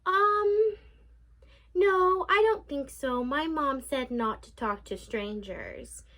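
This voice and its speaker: A woman's voice: high voice, animated, slow, fairly bright tone, full character voice. A woman voicing a polite, cautious little girl in a children's story. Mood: innocent.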